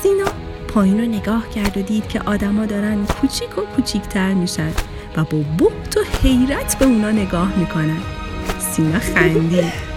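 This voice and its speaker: Lively woman telling a children's story. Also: mid-range voice. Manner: warm, affectionate sign-off to kids. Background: music.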